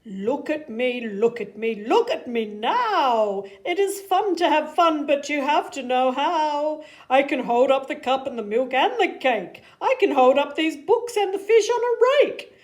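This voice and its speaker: A woman voicing a playful, boastful male trickster cat in a children's storybook, with showy emphasis and drawn-out words. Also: sits high, animated, a little mellow, voice pushed up. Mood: boastful, excited. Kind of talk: animated children's storybook reading.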